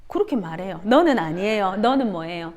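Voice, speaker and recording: A woman's voice: medium pitch, fairly quick. A woman giving a children's Sunday school sermon, asking the kids questions and gasping for effect. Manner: animated, asks children questions, gasps for effect.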